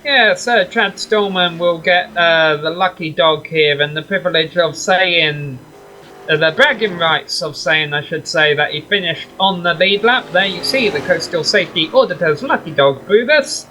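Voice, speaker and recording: High, bright-voiced male race commentator. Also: normal speed, faint music behind, low-quality recording. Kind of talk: sim racing play-by-play commentary.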